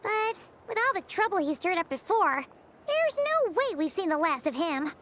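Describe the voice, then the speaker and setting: Paimon, a squeaky fairy sidekick. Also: female voice, sing-song, normal speed, fairly bright tone, heavily acted. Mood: worried. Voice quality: high and squeaky. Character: tiny chirpy female fairy companion.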